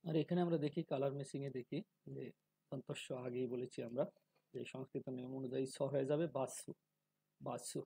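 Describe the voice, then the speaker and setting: A man giving a calm spoken lesson on pronunciation, slowly and deliberately drawing out syllables to demonstrate them. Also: mid-range voice, gravelly, husky, dry recording, low-quality recording. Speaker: teacher of Sanskrit pronunciation.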